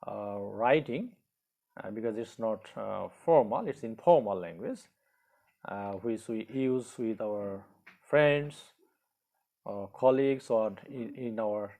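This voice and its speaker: A man teaching in a slow lesson, filling pauses with "uh" and repeating example sentences. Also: on the low side, expressive, creaky, dark tone. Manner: hesitant, many fillers, repeats example sentences. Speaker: English teacher. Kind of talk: slow spoken grammar lesson.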